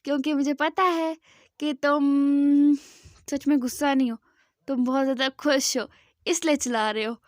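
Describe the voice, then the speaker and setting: A woman voicing a calm, soft-spoken young man who answers quietly and teases a little, in a storybook retelling. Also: high voice, moderate pace, dry recording, clean studio sound, close to an everyday voice. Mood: teasing.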